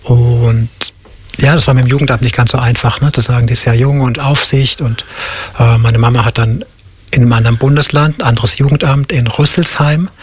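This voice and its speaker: Relaxed, slightly husky male guest. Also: medium pitch, fairly quick, no echo. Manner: relaxed, plain-spoken, many fillers. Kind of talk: casual interview chat.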